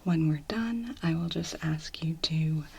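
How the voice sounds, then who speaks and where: A woman in a whispered role-play, speaking as a gentle clinic examiner in a soft, reassuring, step-by-step manner. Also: deep voice, a little slow, vocal fry, background noise. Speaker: ASMR performer playing a clinician.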